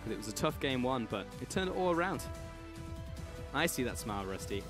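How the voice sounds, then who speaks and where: A man doing live play-by-play commentary of an esports match, with an excitable manner. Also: medium pitch, brisk, music in the background.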